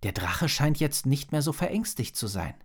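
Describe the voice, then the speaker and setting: An excitable storybook friend with a raised, loud voice that sits higher than the teller's own, played by a male narrator. He sounds eager and keeps his lines lively. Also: normal speed, slightly rough. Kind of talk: storybook character voice.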